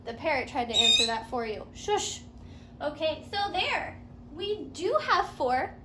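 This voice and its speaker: Here a woman speaks unhurriedly in a high voice that swings widely in pitch. She leads a pupil through a fairytale-themed math lesson step by step, prompting with sing-song questions and repeating answers. There's roomy echo and faint noise behind her.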